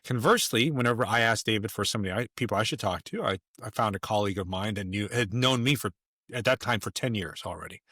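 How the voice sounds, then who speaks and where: A man's voice: lowish voice, quick pace, sharp tone, no room sound, studio quality. A man talking as a podcast guest in casual conversation, emphatic and rambling, with many restarts.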